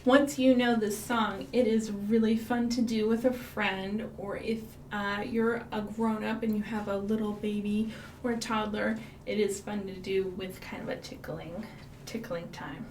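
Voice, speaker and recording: Speaking a little slowly in a mid-range voice with fairly even intonation, this Midwestern American woman is a children's librarian running storytime with songs and read-alouds. She's playful and sing-song, dropping into dramatic whispers, and there's a slight hiss or hum on the recording.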